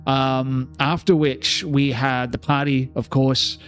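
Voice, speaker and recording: Man in an average pitch range talks as game master, relaxed and unhurried. He lays out a horror scenario in casual chat, pausing often with filler words while he thinks. Faint music plays behind him. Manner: unhurried, lots of ums and uhs while recalling details.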